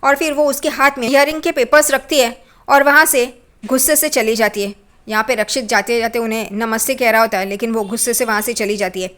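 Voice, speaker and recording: A woman narrating a recap of a television serial in a plain, steady manner. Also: on the high side, brisk. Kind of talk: storytelling recap.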